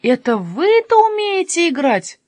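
An eager, easily amazed town barber who gets carried away, as a woman reading a storybook puts him on. His voice jumps high and loud with lively swings. The reading is close and dry. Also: moderate pace, no echo. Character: excitable small-town male barber.

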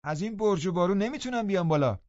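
A man voicing a lively teenage girl in an audiobook, speaking in a high girlish manner. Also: dry recording. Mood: playful. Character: lively teenage girl, playful then anxious. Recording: dull studio audiobook recording.

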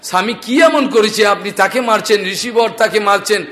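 A man's voice: sits high, normal speed, fairly bright tone. A man voicing a grieving mother who begs for her husband's life in a told legend. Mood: pleading. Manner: pleading, wailing.

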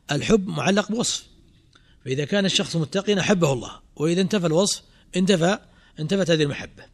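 This middle-aged man has a gravelly voice that sits on the high side. As a sheikh teaching a creed commentary, he quizzes his class with rhetorical questions and frequent fillers.

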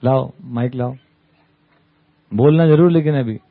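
This camp speaker has a gravelly, mid-range voice and takes his time, chatting with a study group in a camp hall full of listeners. He frequently tosses in little tag questions to check in. The recording sounds tinny, as if over a phone.

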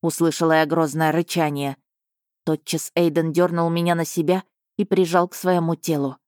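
A woman's voice: sits low, flat delivery, moderate pace, darkish tone, no room sound, studio quality. Woman reading a fantasy audiobook. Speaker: audiobook reader. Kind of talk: first-person fantasy narration.

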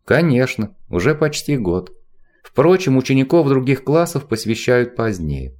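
A man's voice: medium pitch, very animated, a little slow, a little mellow. A man voicing a haughty, lazy boy priest of about twelve who speaks in a curt, restrained way in a storybook reading. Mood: aloof.

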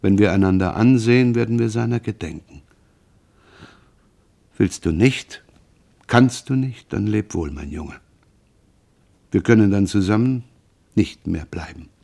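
A man reading the lines of a grieving, frightened mother in an audiobook, in a slow, mournful confessional manner. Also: fairly low pitch, animated, creaky, a little mellow, full character voice.

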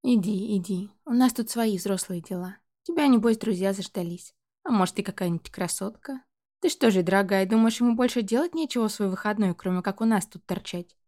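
A woman's voice: mid-range voice, brisk, warm tone, natural voice. A woman reading the lines of a blunt, joking middle-aged father in an audiobook. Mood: teasing.

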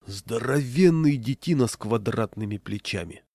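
A man's voice: medium pitch, lively intonation, normal speed, dark tone, dry recording. A man narrating a humorous first-person story in a wry storytelling manner, close to the mic. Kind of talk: storytelling reading.

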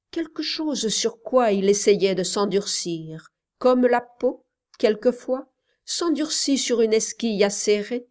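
A woman reading a literary audiobook with measured, even narration. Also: mid-range voice. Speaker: audiobook reader.

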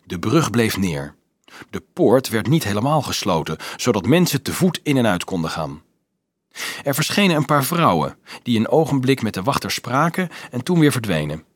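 A man reads an adventure story aloud in a dramatic, expressive storytelling manner. His husky voice swings widely in pitch, and the sound is dry and close with no room echo. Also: normal speed. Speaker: narrator. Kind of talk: audiobook narration.

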